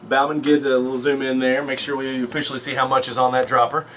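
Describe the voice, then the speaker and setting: A man hosting a live radio show, giving energetic play-by-play commentary in a crowded studio. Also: mid-range voice, quick pace, slight background noise. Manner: energetic, excitable narration.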